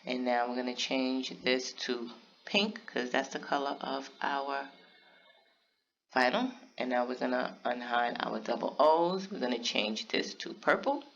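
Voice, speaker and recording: A man casually narrating a step-by-step craft software tutorial, talking straight to his viewers. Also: mid-range voice, a little slow, vocal fry, muffled recording. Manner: casual step-by-step explaining, talks to viewers directly.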